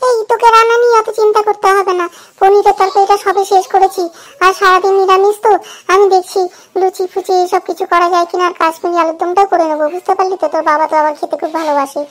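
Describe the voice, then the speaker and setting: A woman's voice: very high voice, little pitch movement, fast, faint music behind. Woman voicing a fussy, scolding goddess mother. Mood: fussing. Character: fussing, worried goddess mother. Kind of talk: cartoon voice acting.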